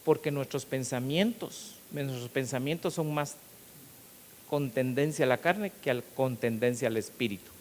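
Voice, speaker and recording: A middle-aged man, a pastor, preaching an animated sermon and acting out the people in his stories. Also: mid-range voice, normal speed. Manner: animated storytelling, acting out quotes, rising to loud emphasis. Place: church hall. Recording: long hall reverb with faint hiss.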